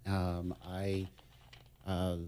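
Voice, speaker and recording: A middle-aged man from Massachusetts, a guest on a radio talk show, speaking in a relaxed, conversational way with many fillers. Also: deep voice, very slow, smooth. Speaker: guest, business consultant. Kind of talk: casual radio interview.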